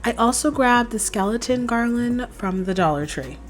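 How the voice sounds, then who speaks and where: Still getting over a cold, this young DIY craft host sounds slightly hoarse, her pitch fairly high and her pace moderate. She explains each step plainly in a chatty, relaxed tutorial voice-over over faint background music.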